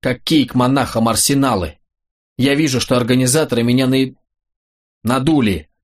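A man reading an audiobook, voicing a cool, sharp-tongued young woman who gives orders in an imperious, sarcastic way. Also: medium pitch, normal speed, natural voice. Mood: commanding.

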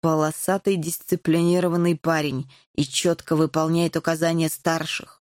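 A woman voicing a stern, gruff old male cat admiral in a storybook reading. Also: sits low, level tone, moderate pace, a little mellow, dry recording, clean studio sound, voice pushed down, natural voice.

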